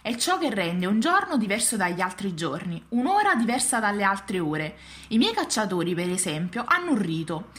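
A woman's voice: medium pitch, very animated, moderate pace, few pauses, fairly bright tone. A woman voicing a wistful, lonely and wise female fox, talking earnestly in a storybook reading. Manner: earnest, pleading, reflective.

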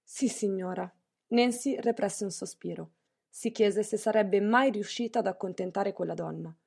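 A woman narrating an audiobook in a measured, even storytelling manner. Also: medium pitch, gravelly, husky. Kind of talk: scripted narration.

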